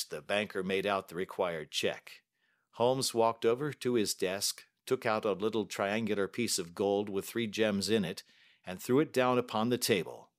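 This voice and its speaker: A man narrating a graded-reader story in a steady, clear reading voice. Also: on the low side, dry recording, clean studio sound.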